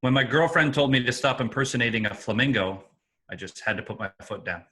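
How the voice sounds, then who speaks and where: A man telling dad jokes in a joke battle, with slow, deliberate setups and punchlines. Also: medium pitch, sharp tone.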